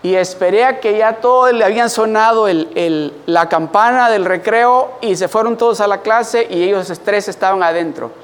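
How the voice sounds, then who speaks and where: A man preaching a sermon as pastor, an animated storyteller calling on the congregation to respond. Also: sits high, normal speed, hardly any pauses, long reverb tail.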